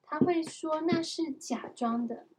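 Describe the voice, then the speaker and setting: A woman reading a storybook aloud, voicing a lively, adventurous little girl in a raised, sing-song tone. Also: high-pitched, takes it slowly, a little hiss or hum, voice pushed up. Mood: playful.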